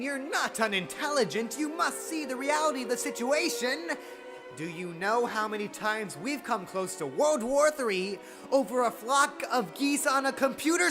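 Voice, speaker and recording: Crazy mocking clown supervillain, theatrical, pitch all over the place, drags words out, music behind. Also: male voice, heavily acted. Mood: manic ranting. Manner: theatrical, taunting, swinging from hushed to shrieking. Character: manic, mocking, theatrical comic-book supervillain clown, adult man. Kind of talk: theatrical comic dub voice acting.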